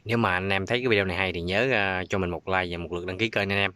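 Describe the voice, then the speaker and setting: A man's voice: low-pitched, fairly even intonation, rapid-fire, pushed and bright, dry recording. A man with a Southern Vietnamese accent chatting casually as the host of a prank-call video. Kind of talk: casual vlog chat.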